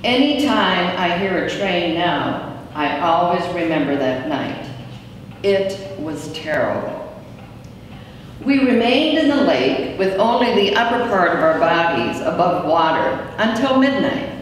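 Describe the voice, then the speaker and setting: A woman reading aloud a first-person recollection in a measured, deliberate storytelling manner. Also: on the low side, big pitch swings. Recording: echoey hall from far off, faint noise.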